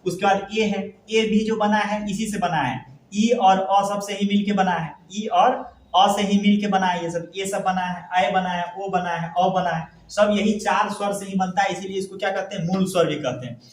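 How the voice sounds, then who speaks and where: A man's voice: high voice, fairly even intonation, normal speed. A man from Bihar, India, teaching a classroom grammar lesson, often asking a question and then answering it himself. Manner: repetitive, asks questions and answers them himself. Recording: echoey room.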